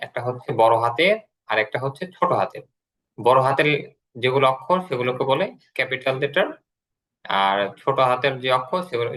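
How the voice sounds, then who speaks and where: A man teaching an online English class, explaining slowly and repeating words as he goes. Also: mid-range voice, fairly bright tone, rough recording.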